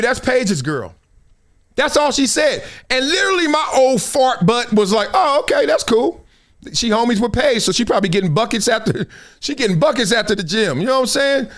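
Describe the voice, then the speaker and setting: A man's voice: extremely high pitch, fairly bright tone. A middle-aged man with an American accent, hosting a show with casual, slangy, joking commentary and storytelling. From United States, South Central Los Angeles. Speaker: show host.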